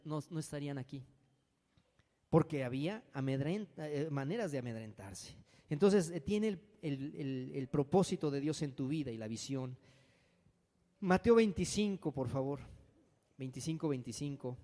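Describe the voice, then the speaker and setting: A man's voice: fairly high pitch, animated, normal speed, warm tone. A man preaching a sermon as pastor, dramatic and acting out frightened voices. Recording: long hall reverb.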